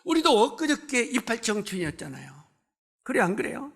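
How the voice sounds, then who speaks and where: A man's voice: very high-pitched, big pitch swings, a little fast, a bit bright. A man in his seventies preaching a sermon at a church service, talking conversationally, putting questions to the congregation and joking with members. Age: 70s. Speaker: pastor.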